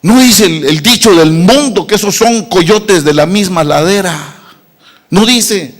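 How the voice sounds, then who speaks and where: A man's voice: sits high, a little slow. A middle-aged man from Rica, preaching a sermon with emphatic repeated rhetorical questions. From Costa Rica. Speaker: pastor. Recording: echoey hall reverb.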